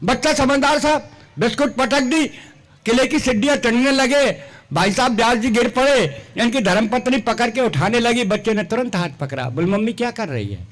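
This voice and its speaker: Older male comic poet, very high voice, folksy stage storyteller. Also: animated, normal speed, a bit bright. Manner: folksy, punchline-driven, voices quoted characters.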